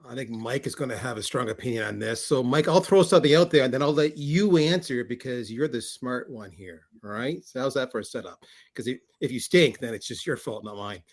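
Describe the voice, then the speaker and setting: A man's voice: medium pitch, brisk. A man chatting as a panel guest, easygoing and joking as he sets up others. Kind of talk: casual panel chat.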